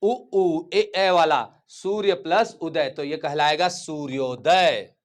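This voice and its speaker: A man teaching a grammar lesson to children, stretching out words and often asking whether they follow. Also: on the high side. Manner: repeats words slowly and checks understanding.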